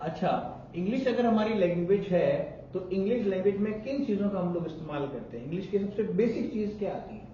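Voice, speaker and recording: A man's voice: high-pitched, expressive, quick pace, few pauses, dark tone, a little hiss or hum. A man teaching a spoken English class, asking questions and prompting students to repeat after him. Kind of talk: live classroom lesson. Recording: echoey classroom from far off, muffled, class audible. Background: students in the room.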